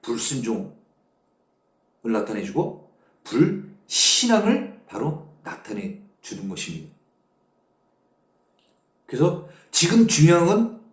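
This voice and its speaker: A man's voice, pitched a little high and very lively in its rise and fall, leads a Bible study in plain, conversational speech. He breaks into short acted quotes as he unpacks each verse. The recording carries a noticeable echo from the room. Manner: explains verses in casual speech, acting out quotes. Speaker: preacher.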